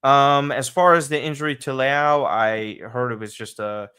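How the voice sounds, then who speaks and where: A man's voice: mid-range voice, steady tone, moderate pace, pushed and bright, clear, resonant tone. Lisping man hosting a soccer livestream. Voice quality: slight lisp from dental aligners. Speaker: soccer podcast host. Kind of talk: casual livestream match commentary to viewers.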